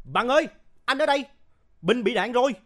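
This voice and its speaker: A man's voice: very high voice, expressive, brisk, voice pushed up. A man voicing a young male soldier who cries out in anguish for a fallen friend in a war story. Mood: anguished shouting. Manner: shouting, anguished.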